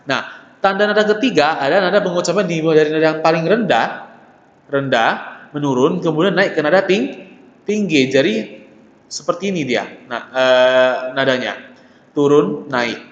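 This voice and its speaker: A man teaches a beginner Mandarin lesson. His voice sits fairly high, and he patiently drills syllables, checking in with his students again and again. The recording is lo-fi and dull, with echo ringing around the room. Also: animated, moderate pace. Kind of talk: classroom lesson explaining Mandarin tones. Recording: echoey, dull, lo-fi room recording with long reverb.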